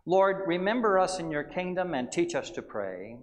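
A middle-aged man, a pastor, solemnly recites church liturgy in measured, formal phrases, with a cathedral-like echo around his voice. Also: high-pitched, sing-song, a little hiss or hum. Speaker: Lutheran pastor. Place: large church sanctuary at the altar.

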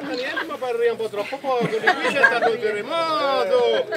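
A man's voice: very high-pitched, moderate pace. A man playing a pleading, complaining village priest in improvised commedia dell'arte farce. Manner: insistent, complaining. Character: pleading village priest haggling for his church. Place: open farmyard amid audience. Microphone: camera at some distance. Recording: outdoor live show, loud crowd.

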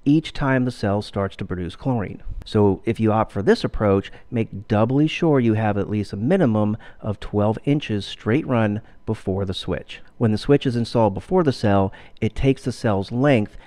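Low-voiced man explaining pool plumbing. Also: moderate pace, few pauses. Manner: steady, explanatory. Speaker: pool care instructor. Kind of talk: scripted instructional voice-over.

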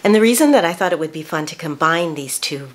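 A woman's voice: deep voice, expressive, fast talker. A woman in her sixties hosting a casual product review vlog from a bedroom, chatty and prone to restarting her sentences. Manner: chatty, with frequent restarts and self-corrections. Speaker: beauty vlogger. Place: small bedroom, indoors.

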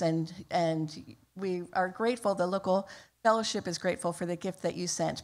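A woman giving an earnest, grateful mission update in a church. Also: on the low side. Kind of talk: church announcement. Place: church sanctuary.

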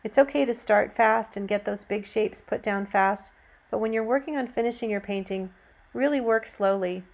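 A woman narrating a painting demonstration as an instructor, in a gentle, encouraging teaching manner. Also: mid-range voice, moderate pace.

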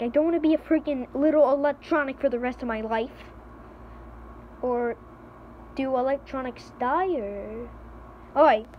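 A high-voiced teenage girl acting out a comedy skit for her vlog. She talks slowly and panics, pleading and yelling for help. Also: highs cut off, slight background noise. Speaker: vlogger.

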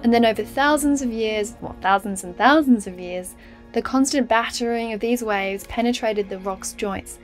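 A woman narrating her travel vlog in a casual, upbeat, explanatory voice-over. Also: medium pitch. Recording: music bed under voice.

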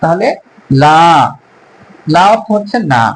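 A man giving an Arabic pronunciation lesson, explaining calmly and drawing out each syllable as he models the sounds. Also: high voice, poor audio. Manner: slow, careful, drawn-out syllables when modelling sounds. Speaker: Arabic teacher.

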